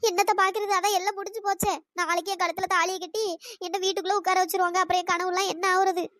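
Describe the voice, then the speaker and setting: Woman voicing a weepy young cartoon bride, super high squeaky voice, talks fast and pleading, dry close sound. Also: flat delivery, a bit bright, no echo. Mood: upset. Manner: tearful, pleading. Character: anxious young bride crying before her wedding. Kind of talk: cartoon storytelling voice.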